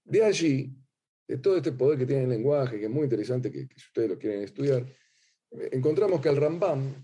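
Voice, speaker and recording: A middle-aged rabbi with an Argentine accent gives a religious lecture in a sing-song, teacherly manner. His voice is very dark and somewhat husky. He often repeats a word or two while searching for the next phrase. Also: mid-range voice. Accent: Argentine Spanish.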